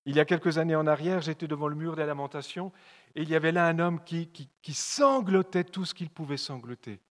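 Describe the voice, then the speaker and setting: Fervent Swiss French preacher in a reverberant hall. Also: male voice, a little fast. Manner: fervent, repetitive, swinging from loud calls to soft low asides. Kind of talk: evangelistic sermon. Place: church hall.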